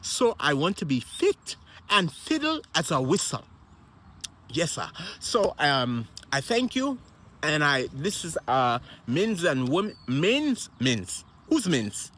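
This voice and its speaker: A man's voice: a little high, very animated, takes it slowly, fairly bright tone. A man who is a minister, talking in a rambling, repetitive motivational monologue about health and family. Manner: rambling and repetitive, with wandering asides.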